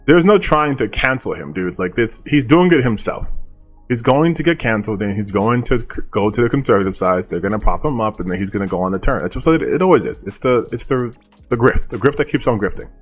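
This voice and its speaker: A man's voice: medium pitch, lively intonation, a little fast, faint music behind. A male online commentator talking casually and bluntly, dismissive and opinionated, with some casual swearing.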